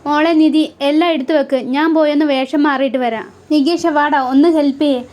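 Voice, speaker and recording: A weary middle-aged bachelor, read by a woman in a high voice, soft-spoken and resigned. He talks about his own misfortune in a calm, philosophical way, as in a serialized audio story. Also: fairly quick, natural voice.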